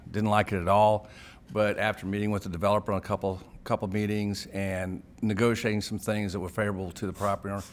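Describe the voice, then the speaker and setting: A man with a low voice gives public comment for homeowners at a county hearing. He talks in a plainspoken, easygoing way into a podium microphone. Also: a bit bright, a little hiss or hum. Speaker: representative of neighboring homeowners. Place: county commission chamber at a podium.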